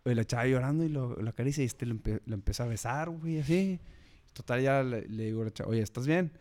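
A man's voice: medium pitch, quick pace, darkish tone. A man with a Mexican accent chatting casually and telling a story, dropping "güey" constantly. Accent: Mexican Spanish. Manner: slangy, peppers speech with "güey".

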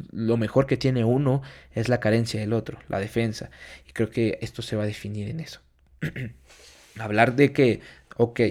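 Gravelly-voiced man breaking down a match. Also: mid-range voice, a little mellow. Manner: thoughtful, weighs players against each other, repeats key words for emphasis. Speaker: football analyst hosting a match preview. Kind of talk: unscripted match analysis.

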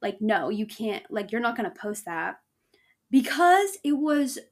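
A woman's voice: fairly high pitch, big pitch swings, a little slow. Chatty woman hosting a faith podcast. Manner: chatty, frequent fillers and restarts, laughs often. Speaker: podcast host. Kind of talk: casual faith podcast monologue.

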